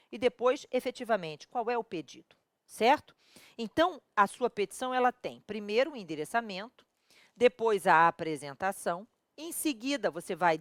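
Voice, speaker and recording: Uma professora de direito com sotaque brasileiro, voz um pouco aguda e muito expressiva, dando aula em vídeo. Fala de modo coloquial, cheia de perguntas retóricas aos alunos, chamando-os de "gente". O som é seco, sem eco de sala. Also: female voice, fairly high pitch, no echo, studio quality. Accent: Brazilian Portuguese. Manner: lively, colloquial, full of rhetorical questions to students; addresses viewers directly and familiarly. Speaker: law teacher. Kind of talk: recorded video lesson.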